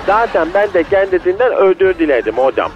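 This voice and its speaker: A man's voice: high voice, sing-song, brisk, dull audio. A man voicing a drunk, lovesick, streetwise male ram who answers a call over a landline phone. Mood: defensive. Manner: streetwise, self-pitying, calls everyone "hocam".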